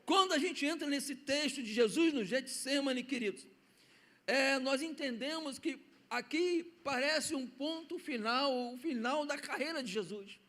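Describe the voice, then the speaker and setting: A Brazilian pastor with a notably high voice preaches from a church pulpit. He tells a story in a sermon style, dropping to hushed tones and then rising to loud declarations. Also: a little slow. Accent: Brazilian Portuguese. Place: church sanctuary.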